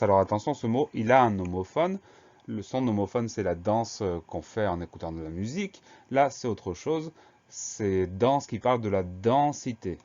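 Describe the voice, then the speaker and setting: A man teaching a spelling lesson to schoolchildren, spelling words out letter by letter in a slow, careful way. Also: lowish voice, darkish tone. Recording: slightly dull lo-fi sound.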